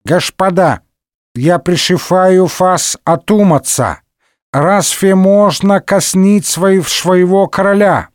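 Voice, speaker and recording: A man's voice: sits high, takes it slowly, no echo, studio quality, pitched above the performer's own voice. A man voicing a doddering elderly lord who lisps and mumbles through false teeth. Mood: indignant. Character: doddering old male lord, toothless lisp.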